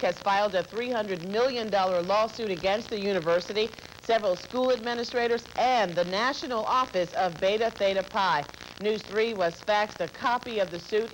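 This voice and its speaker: A female news anchor reads a scripted story in a medium-pitched voice. There is faint noise behind her. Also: rough recording.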